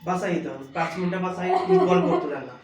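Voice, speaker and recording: A man's voice: sits high, wildly swooping pitch, a little fast, darkish tone, soft background music. A man playing a shop worker who reassures a crying visitor and phones his boss, in an amateur short film. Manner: reassuring, repeats himself. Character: helpful male shop worker calming a visitor. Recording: echoey room, distant mic, background noise.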